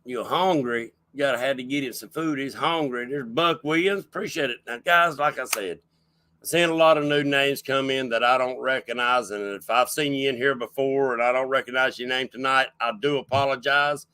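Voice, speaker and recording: A man's voice: medium pitch, fairly even intonation, normal speed, sharp tone, smooth. A man hosting a casual livestream chat show, folksy and rambling as he welcomes people in. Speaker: show host.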